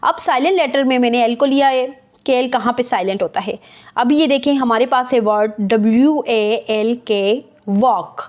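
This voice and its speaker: A woman's voice: fairly high pitch, normal speed. A woman teacher explaining a lesson, spelling words out letter by letter and repeating key terms. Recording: muffled lo-fi recording.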